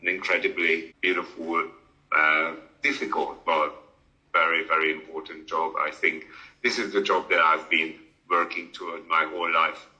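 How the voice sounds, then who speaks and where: A man in his fifties, raised in Hungary, speaks as a guest in a relaxed interview. His voice sits very low yet comes across bright and forceful. He talks with frequent fillers and a dry, wry humour. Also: moderate pace, highs cut off. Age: 50s. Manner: hesitant, many fillers, wry. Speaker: museum educator, guest. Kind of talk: casual interview.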